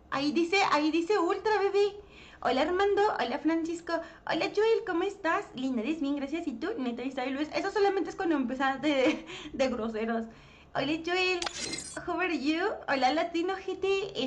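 A young Mexican woman livestreaming a game, chatting with viewers and reacting excitedly. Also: high voice. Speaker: livestream gamer. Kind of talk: live game stream chat. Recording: loud game noise behind.

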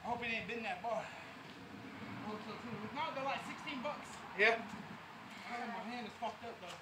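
A man's voice: very high voice, moderate pace. A man bantering crudely and jokingly with friends outdoors. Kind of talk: casual banter among friends. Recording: clear outdoor noise.

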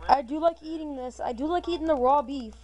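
A woman giving casual, excitable gameplay commentary as a gaming channel host, repeating herself playfully. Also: high voice, fairly quick, background noise.

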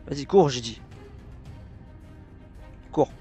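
A man's voice: medium pitch, lively intonation, takes it slowly, mellow, faint music behind. A man voicing a scheming youtuber in a Minecraft role-play, bossing and threatening in casual slang. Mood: bossy. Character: scheming male youtuber framing a friend.

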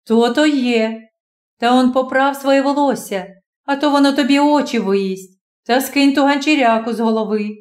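A woman reading the lines of a calm, kind young male official, speaking soothingly. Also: high-pitched, normal speed, lightly acted. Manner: soothing, reassuring. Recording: roomy echo.

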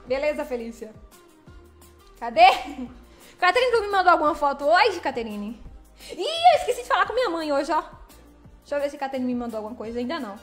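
A woman's voice: high-pitched, big pitch swings, a little fast, pauses often, fairly bright tone, roomy sound, faint music behind. A woman chatting casually on a livestream while driving, playfully greeting viewers by name. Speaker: livestreaming truck driver. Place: vehicle cab while driving.

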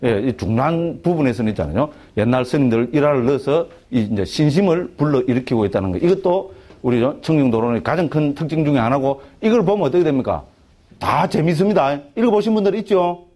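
Lecturing a class on a Buddhist text, this middle-aged monk speaks with a Gyeongsang Korean accent in a chatty way, repeatedly checking "right?" with students and starting sentences over. His fairly high voice is very animated, mellow, and fast.

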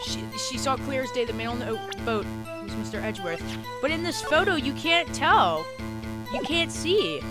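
Hoarse woman muttering gameplay commentary. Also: a little high, animated, normal speed. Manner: muttering, swearing asides. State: hoarse from yelling. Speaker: let's play host. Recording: game music playing behind.

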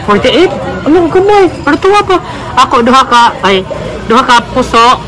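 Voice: high voice, very animated, moderate pace. A food vlogger, speaking through a face mask, chatting casually and mixing languages while ordering at a street stall. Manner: code-switching, chatty, laughs often. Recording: noisy street with loud music and crowd. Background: street crowd, vehicles and music.

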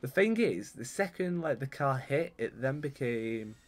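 At a measured pace and medium pitch, a young YouTuber offers loose, wandering commentary as he games. His manner is chatty, and he turns excitable when things go wrong.

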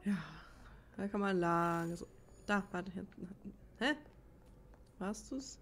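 A woman with a mid-range voice gives slow, casual let's-play commentary, rambling and thinking aloud as she plays. Game music and slight background noise run behind her.

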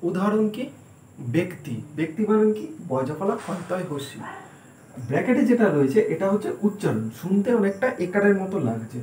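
A man's voice: high-pitched, sing-song, a little fast, a little mellow, slight background noise. A man giving a spelling lesson at a board, asking questions and answering them himself as he spells words out letter by letter. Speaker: teacher. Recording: echoey room.

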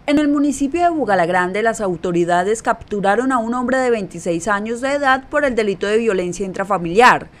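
A woman from Colombia reading a scripted regional news summary in a measured, formal newsreader delivery. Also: on the high side, animated. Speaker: news presenter.

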